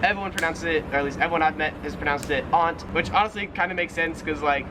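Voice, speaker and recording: Higher-voiced American man explaining words, noisy clip. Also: fast. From United States. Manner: explanatory, repeats words to compare them. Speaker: video creator explaining pronunciation. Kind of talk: explanatory vlog talk.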